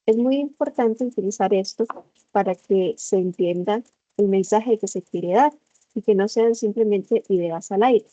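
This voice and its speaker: A woman teacher explains things patiently in an online class. Her voice is mellow and rather dark. The sound is dry and a little muffled, as if it comes through a computer microphone on a video call. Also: medium pitch, measured pace, no echo. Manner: patient explaining, acts out examples.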